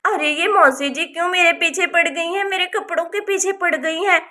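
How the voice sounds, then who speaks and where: A sulky young village girl voiced by a woman complains in a very high, bright voice. She is touchy and defiant. It is a doll-story voice, lightly acted. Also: normal speed. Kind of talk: Hindi doll-story voice acting.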